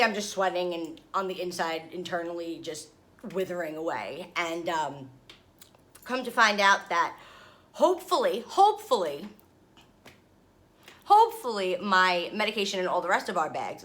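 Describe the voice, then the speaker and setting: Bright, animated woman telling a travel story. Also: fairly low pitch. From New York area. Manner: animated, dramatic, laughs while telling. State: tired. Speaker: vlogger. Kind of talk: casual vlog storytelling. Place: hotel room.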